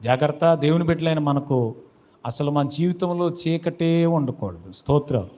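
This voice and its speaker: A man preaching a sermon in a call-and-response style, pressing his listeners to answer and swelling into loud exhortation. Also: fairly high pitch, animated, normal speed, slight background noise.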